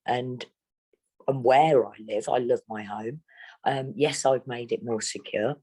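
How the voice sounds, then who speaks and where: A woman's voice: a bass voice, dark tone, slightly rough. A middle-aged woman from England, speaking bluntly and steadily as an interviewee. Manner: blunt, plain-spoken, measured. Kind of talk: candid interview.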